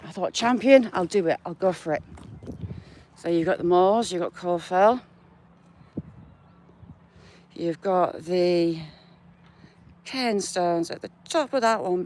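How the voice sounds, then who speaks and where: A woman's voice: on the low side, a little slow, mellow. A woman with a northern English accent, chatting to her viewers by name while walking outdoors in the countryside. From England. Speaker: vlogger. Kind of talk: casual live-chat walk vlog.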